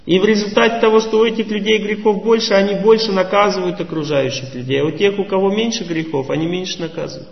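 Man, high voice, spiritual lecturer; measured and teacherly; heard from a distance in a reverberant hall. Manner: measured, teacherly, rhetorical questions to the audience. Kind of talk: religious lecture. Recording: echoey hall, voice from afar, muffled.

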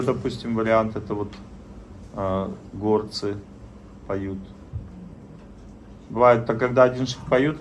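A man giving an informal spoken lesson on prayer as a spiritual teacher, halting, with many fillers and pauses. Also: mid-range voice.

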